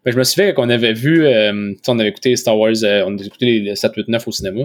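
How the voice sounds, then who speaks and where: Man, Québécois French accent, medium-pitched voice, informal co-host banter, slang and borrowed English, very little room echo. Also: very fast. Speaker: podcast co-host. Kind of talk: casual chat about a TV series.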